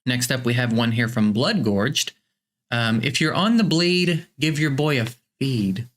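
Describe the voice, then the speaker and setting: A man's voice: medium pitch, measured pace, a bit bright. A man hosting a comedy show, reading fake tweets aloud in a bemused way with stammering restarts.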